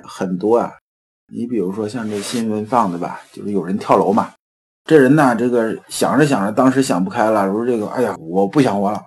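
A man with a low, slightly husky voice gives a storytelling lecture on classical philosophy. He talks in a loose, conversational way, drawing out particles at the ends of phrases and throwing in rhetorical questions. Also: darkish tone.

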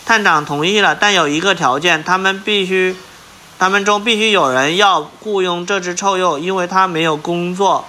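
A man reads a children's picture book aloud in a slightly high, bright, forceful voice. He breaks off now and then to put simple questions to his young listener. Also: moderate pace. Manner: stops to ask the listener questions. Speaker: storyteller reading to a child.

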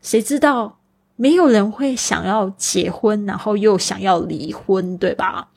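A woman's voice: medium pitch, unhurried, gravelly, darkish tone, slightly rough. A woman in her forties hosting a podcast English lesson, explaining pronunciation step by step and mixing Chinese with English. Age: 40s. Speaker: podcast host and English teacher.

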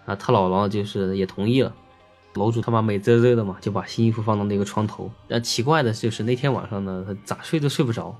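A man's voice: on the low side, fast, faint music behind. A man telling a ghost story in a chatty, casual way, full of fillers. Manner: chatty, filler-heavy, lively.

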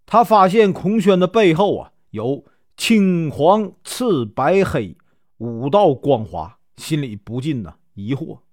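Chatty male storyteller, lively voice. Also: a little high, dry recording, clean studio sound. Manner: chatty, lots of drawn-out filler particles. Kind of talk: casual storytelling of a classic legend.

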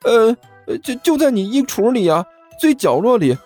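A man's voice: extremely high pitch, sing-song, normal speed, a little mellow, faint music behind, voice pushed up, heavily acted. A man voicing a flustered young man who stammers eagerly.

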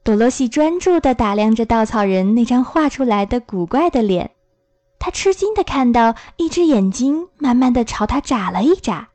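A woman reads a children's story aloud with a gentle, clear storytelling manner. Her voice sits a bit high for a woman, and the recording is dry and close with no room around it. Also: animated, normal speed, dry recording.

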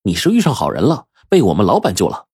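A man voicing a young shop assistant who scolds quickly in a shrill, husky voice. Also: wildly swooping pitch, dark tone, no echo, studio quality, heavily acted. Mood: reassuring. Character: sharp-tongued young male shop assistant.

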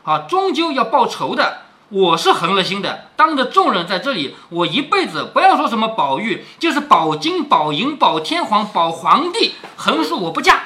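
A man's voice: sits high, sing-song, moderate pace, sharp tone, heavily acted. A man reading out the lines of a defiant, desperate teenage maidservant in a storybook retelling, keeping close to his own voice. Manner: read aloud in a storyteller's voice, barely changed.

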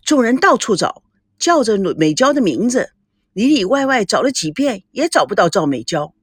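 Audiobook: animated woman narrator, higher-pitched, dry close sound. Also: normal speed, husky, no echo. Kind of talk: storytelling narration.

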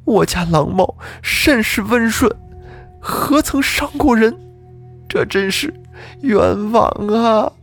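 A man's voice: sits high, expressive, takes it slowly, creaky, fairly bright tone, soft background music, voice pushed up, heavily acted. A man voicing a frightened old peasant woman who stammers as she pleads her family's innocence. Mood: pleading.

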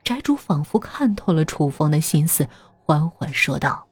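A woman narrating a scripted horror story in a slow, hushed, half-whispered voice. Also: deep voice, very animated, slightly rough.

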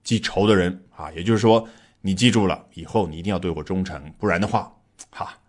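A man's voice: deep voice, quick pace. A man hosting an English lesson podcast, explaining vocabulary in a chatty way with frequent fillers and rhetorical questions. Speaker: English teacher and podcast host.

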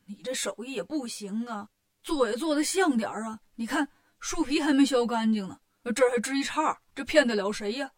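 A woman's voice: fairly high pitch, brisk, close to an everyday voice. A woman voicing a demon king, grumbling, bossy, fretful, storybook.

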